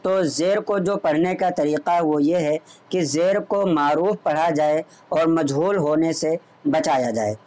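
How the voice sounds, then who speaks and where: A man's voice: a little high, a little slow, a little mellow. A man teaching Quran reading online, patiently drilling letter sounds. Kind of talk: online recitation lesson.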